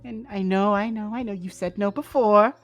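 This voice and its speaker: A game master voicing a smarmy, pushy parent who flatters and insists in a tabletop game. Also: medium pitch, moderate pace, soft background music, voice pushed up, lightly acted.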